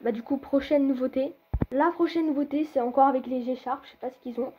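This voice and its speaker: A woman's voice: high voice, fairly even intonation, fairly quick, highs cut off, slight background noise. A young woman rambling through a casual gameplay commentary, talking straight to her viewers with lots of fillers and hesitations. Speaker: gaming video creator.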